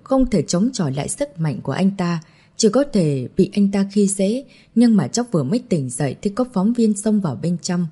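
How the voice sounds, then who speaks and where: A woman's voice: medium pitch, mellow, slightly rough. A woman reading an audiobook, voicing a young woman who sobs and pleads tearfully. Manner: tearful, wailing pleas.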